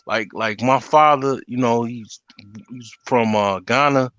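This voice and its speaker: A man in a casual streamed chat who talks haltingly and repeats words while he looks for them. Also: medium pitch, fairly bright tone, no echo. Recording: dull lo-fi stream audio.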